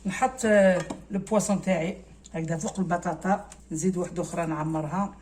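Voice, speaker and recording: A woman's voice: on the low side, fairly even intonation, quick pace, darkish tone, slight background noise. A woman with an Algerian accent, casually talking viewers through a cooking recipe step by step and slipping French words into her speech. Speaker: cooking channel host.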